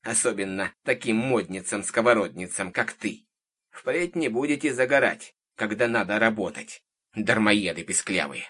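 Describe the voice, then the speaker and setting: A man voicing a gruff, bossy old witch woman who talks hoarsely and grumbles, in a storybook reading. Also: fairly low pitch, animated, moderate pace, fairly bright tone. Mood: scolding. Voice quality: hoarse, cawing like a crow. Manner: domineering, grumbling.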